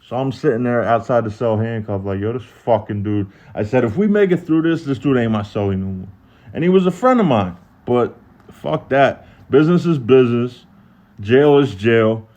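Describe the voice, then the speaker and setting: An animated man with a Philadelphia accent tells a prison story on a live stream in casual, profane storytelling. His voice sits at an ordinary pitch for a man, and he jumps into a higher voice to act out other people's lines. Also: moderate pace, muffled recording. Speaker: host telling prison stories on a live stream.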